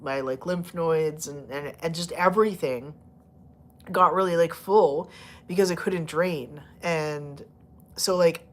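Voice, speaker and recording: Speaking slowly in a low voice, a livestream host chats with her viewers and baby-talks her cats in a giggly, playful way. She laughs a lot and rambles with fillers as her voice starts to give out.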